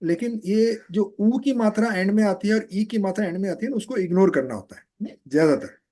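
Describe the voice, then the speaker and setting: A man's voice: sits high, brisk, dark tone. A man explaining a sacred text in a live class, patient and often checking that his students follow. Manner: patient, keeps asking "है?" to check understanding. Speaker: teacher of scripture. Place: online live session. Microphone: video call.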